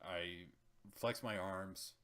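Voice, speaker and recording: A man's voice: deep voice, steady tone, extremely slow, pushed and bright. A man playing a tabletop role-playing game, chatting casually and describing what his character does. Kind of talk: casual chat and in-game narration.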